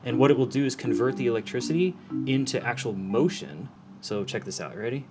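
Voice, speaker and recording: A man with a mid-range voice and lively intonation talks fairly quickly, giving a casual, hands-on explanation as an audio professional. He's informal and demonstrative, often checking that the listener follows, with music playing behind him.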